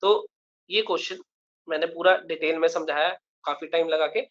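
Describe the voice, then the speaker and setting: A man's voice: fairly high pitch, moderate pace, a bit bright, muffled recording. A male math teacher giving a live online lecture, explaining a problem step by step and often checking that students follow.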